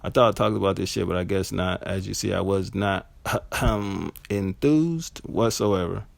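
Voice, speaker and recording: A man giving a blunt, profane, casual solo review of an album, jumping into high-pitched mock reactions. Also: measured pace, vocal fry, dry recording. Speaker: music reviewer.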